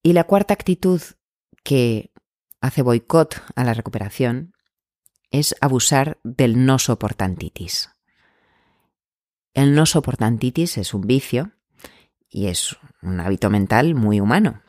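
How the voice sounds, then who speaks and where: Male anxiety coach, gentle and measured, mid-range voice, dry close sound. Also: mid-range voice, expressive, no room sound. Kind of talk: calm self-help advice talk.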